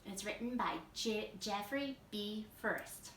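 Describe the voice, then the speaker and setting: A woman's voice: mid-range voice, takes it slowly, fairly bright tone, a little hiss or hum. A woman teaching kindergarteners, patiently explaining a story step by step in a read-aloud lesson. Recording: echoey room, mic at a distance.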